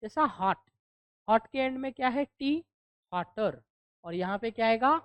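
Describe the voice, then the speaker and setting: A woman's voice: fairly high pitch, animated, moderate pace, clean tone, no room sound. A woman teacher from India giving a classroom grammar lesson. She asks questions and answers them herself, and spells words out letter by letter.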